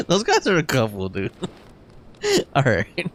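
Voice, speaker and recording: A man's voice: medium pitch, huge pitch swings, slow pace. A man giving casual live reaction commentary as a streamer playing a video game.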